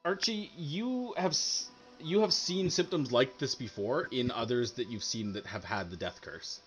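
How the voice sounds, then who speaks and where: Man as tabletop game master; loose, halting storytelling, animated intonation, medium pitch, light music bed. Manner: halting, filler-heavy, casual. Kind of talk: improvised tabletop game narration.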